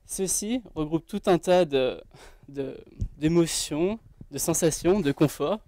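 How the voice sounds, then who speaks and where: A man presenting his team's project on stage in a casual, halting way, with many fillers. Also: a little high, mellow, no echo. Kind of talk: pitch presentation.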